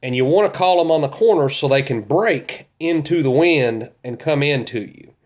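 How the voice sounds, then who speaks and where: With a voice on the high side and a moderate pace, this central Kentucky man explains duck calling the way an experienced outdoorsman would, plainly and informally with a folksy touch.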